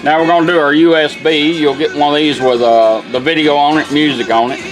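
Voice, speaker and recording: A middle-aged vintage car radio technician at an indoor workshop bench gives a casual, hands-on product demonstration, plain-spoken, folksy and instructional. His voice is fairly high, steady and brisk, and the low-quality recording has music from the demonstrated radio playing behind him.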